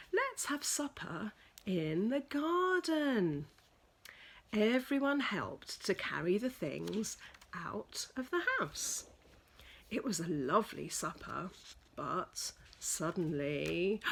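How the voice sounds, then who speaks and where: A woman reads a children's picture book aloud like a storyteller, using deliberate, dramatic emphasis for young listeners. Her voice has a medium pitch and sounds a bit bright.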